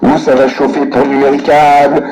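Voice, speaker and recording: A man's voice: medium pitch, little pitch movement, moderate pace, over a noisy crowd. A man ranting furiously at a customer service line, swearing constantly and muttering to himself between calls. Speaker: irate customer on a prank call. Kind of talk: angry phone rant, swearing. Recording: echoey room, recorded phone call.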